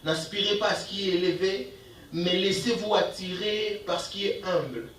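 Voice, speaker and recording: A man's voice: high-pitched, moderate pace, fairly bright tone, echoey room, far from the mic, slight background noise, rough recording. A man preaching a sermon as pastor, emphatic, asking the congregation questions and reading verses aloud. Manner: reads scripture verses aloud between comments. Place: church.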